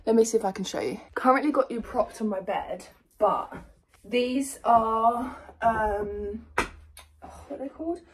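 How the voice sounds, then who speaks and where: A woman's voice: on the high side, a little slow. Young british girl rambling through a day-in-the-life vlog, phone propped up nearby, bit of faint background hiss. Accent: British English. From United Kingdom. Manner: chatty, rambling, self-deprecating. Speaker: personal trainer and vlogger. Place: home rooms, then a gym. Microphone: phone camera propped nearby.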